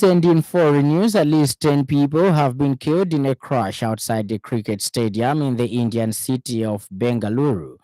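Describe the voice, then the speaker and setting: A man with a Zambian accent reads a scripted radio news bulletin, formal and measured. His voice is mid-range with a dark tone and no echo.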